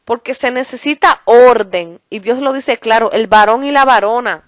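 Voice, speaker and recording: Woman preaching hard, lots of hallelujahs, fairly high voice, dry close sound. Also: moderate pace, dry recording. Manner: fervent, peppered with "hallelujah" and "glory to God"; breaks into speaking in tongues. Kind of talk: sermon.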